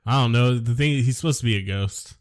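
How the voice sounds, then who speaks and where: Brisk and medium-pitched, this man co-hosts a casual podcast and reviews a film with sarcasm and dismissiveness, dropping offhand swear words as he goes.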